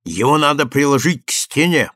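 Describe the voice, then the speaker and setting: A man's voice: fairly high pitch, expressive, normal speed, sharp tone, no room sound, studio quality. A man reading an audiobook voices a proud, eccentric male inventor with a lofty, theatrical delivery. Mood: haughty.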